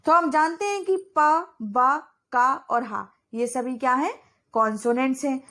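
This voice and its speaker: A woman's voice: sits high, unhurried, sharp tone. A young woman teaching an exam-prep grammar lesson, asking questions and answering them herself.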